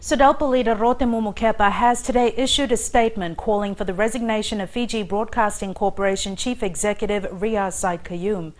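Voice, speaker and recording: A woman's voice: mid-range voice, steady tone, brisk, few pauses. A woman reading scripted news as an anchor.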